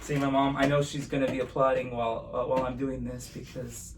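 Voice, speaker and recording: Speaking at medium pitch, a little fast, with a completely flat delivery, a man presents a live magic show from his apartment in a kids-party-magician style. He's playful and chatty, calling viewers "guys," and the distant mic picks up noisy room ambience.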